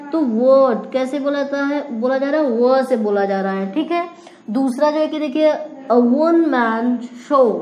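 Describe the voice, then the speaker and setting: A woman's voice: sits high, a little mellow, slight background noise. A woman with an Indian accent teaching English grammar in Hindi, asking questions and answering them herself. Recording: echoey room with faint ambience.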